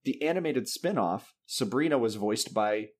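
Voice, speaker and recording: A man hosting a podcast in casual chat, animated, laughing often and swearing freely. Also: medium pitch, normal speed. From Massachusetts. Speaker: podcast host.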